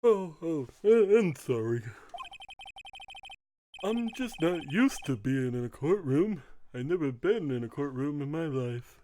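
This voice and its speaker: A man's voice: on the high side, expressive, a little slow, warm tone, a little hiss or hum. A man voicing a nervous, rambling clown comedian in a video game, hesitant and apologetic. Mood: sheepish. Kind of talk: video game voice-over read aloud.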